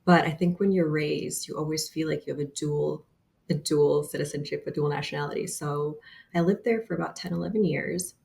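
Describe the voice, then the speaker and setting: Over a remote call, a Bosnian woman in her thirties talks earnestly as a guest in a casual interview, her low voice carrying a gravelly fry and a slightly mellow tone. Her intonation stays fairly even as she pauses on fillers, and a faint hiss or hum can be heard.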